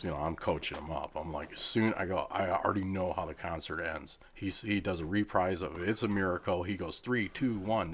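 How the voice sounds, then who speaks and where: A middle-aged man, a charity head, telling a story in casual chat and acting out the people he quotes with lively swings in pitch. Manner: animated, acts out quoted people with raised pitch.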